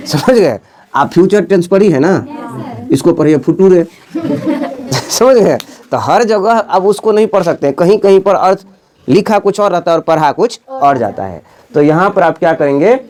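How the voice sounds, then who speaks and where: A male teacher from India giving a classroom chemistry lesson, asking "got it?" over and over and chanting lists slowly. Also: a little high, a little mellow. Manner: repetitive, quizzing students with "समझ गए?".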